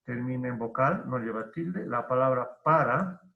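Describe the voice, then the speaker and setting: A male teacher giving an online grammar lesson, who explains deliberately, repeats key terms and asks and answers his own questions. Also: medium pitch, animated, gravelly. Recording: roomy, dull lo-fi online class audio.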